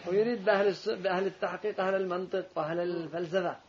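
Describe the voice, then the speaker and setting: Brief: emphatic male teacher, high voice, rapid delivery, muffled lo-fi recording with faint background hum. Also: steady tone. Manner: emphatic, interjects corrections. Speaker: teacher commenting on a text. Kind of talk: religious lesson commentary. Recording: dull lo-fi recording with faint room noise.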